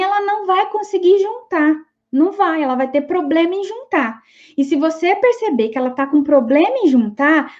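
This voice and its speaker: A woman's voice: high-pitched, a little mellow, muffled recording. A woman giving an explanatory online class lecture, often checking in with her students as she goes. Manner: explanatory, frequent checking tags like "tá bom?". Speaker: teacher.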